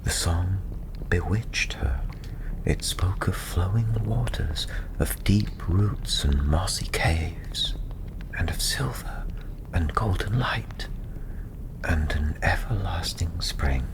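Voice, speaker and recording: This man tells a fantasy story in soft ASMR fashion, breathy and frequently close to a whisper, unhurried and gentle with long pauses. His low voice is nonetheless animated, and the recording quality is poor.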